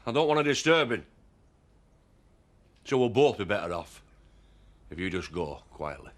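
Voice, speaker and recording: A man's voice: very animated, normal speed. An actor playing a menacing, possessive man in a television soap drama, threatening and contemptuous. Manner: threatening, contemptuous, growling low at times. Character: menacing, possessive man defending his farmhouse.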